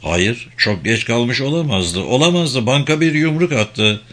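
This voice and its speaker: A man reading a first-person audiobook in a steady, deliberate way. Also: mid-range voice. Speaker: audiobook narrator.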